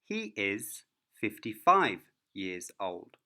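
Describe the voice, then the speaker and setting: A male teacher leads a beginner English lesson at an unhurried, very slow pace. He carefully sounds out each word, and his voice is bright with lively rises and falls in pitch. His pitch sits somewhat low. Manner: clear, careful word-by-word delivery.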